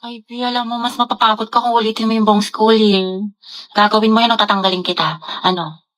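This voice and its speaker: A young woman acting as a female student with a Filipino accent and a fairly high voice. She chats and banters in casual student slang, in the style of an online comedy skit. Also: fairly even intonation, fairly quick, fairly bright tone, lightly acted, low-quality recording. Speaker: skit performer.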